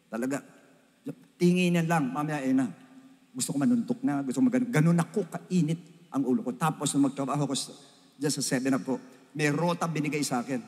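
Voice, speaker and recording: An older man, a pastor, giving a Father's Day sermon as a story, swinging between loud emphatic peaks and low hushed asides. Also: a little fast. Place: church hall. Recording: reverberant church hall.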